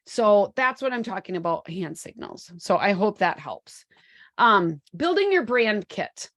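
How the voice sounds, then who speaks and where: With a fairly bright, mid-range voice that swings widely in pitch, a woman in her forties presents a live webinar at a measured pace. She speaks into a computer microphone in an upbeat, chatty manner, using many ums and fillers, with no room sound.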